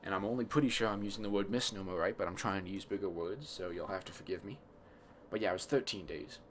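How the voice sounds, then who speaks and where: A tired young man rambling casually on a solo podcast, thinking aloud in a self-deprecating way, with a slightly cracky voice and soft, imprecise R sounds. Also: low-pitched, fast talker, a little hiss or hum. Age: young adult. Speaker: podcast host. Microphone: close podcast microphone.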